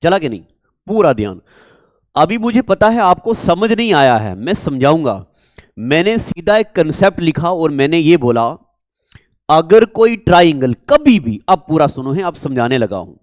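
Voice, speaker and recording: Slow, coaxing male maths teacher. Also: on the high side, darkish tone, no echo. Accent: Kashmiri. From Jammu and Kashmir, India. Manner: repetitive, coaxing, quizzes the viewers. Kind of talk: classroom math lecture.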